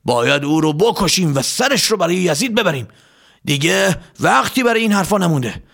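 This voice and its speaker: A man's voice: high-pitched, big pitch swings, gravelly, fairly bright tone, voice pushed up, exaggerated voice. A man voicing a harsh, impatient male army general with a commanding, curt way of speaking, in a told story.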